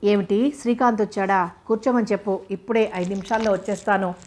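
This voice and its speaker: A woman's voice: medium pitch, fairly even intonation, quick pace, darkish tone, natural voice. A woman voicing a playful young woman who teases and feigns anger, in a storybook reading. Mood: teasing.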